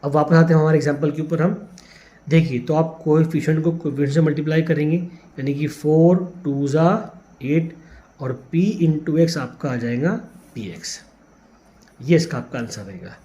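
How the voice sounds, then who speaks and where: A man's voice: on the high side, normal speed, mellow. An Indian man teaching a maths lesson step by step, with a patient manner that counts things out aloud. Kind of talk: classroom lesson explaining on a board. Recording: slightly dull lo-fi sound, faint background noise.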